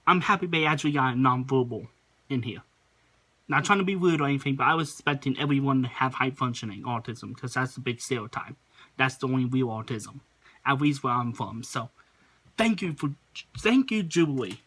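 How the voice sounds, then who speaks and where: This is a man hosting a casual reaction video. His voice is bright and forward. He rambles a little and sometimes stops mid-thought to find the right words. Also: mid-range voice, lively intonation, fairly quick, slightly rough. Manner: rambling, chatty, searches for words.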